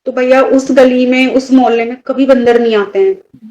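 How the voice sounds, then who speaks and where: A woman's voice: high-pitched, fairly even intonation, normal speed, dark tone, rough recording. A woman telling a personal story in casual conversation, rambling and restarting as she goes and often addressing the listener as brother. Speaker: devotee guest sharing a personal story.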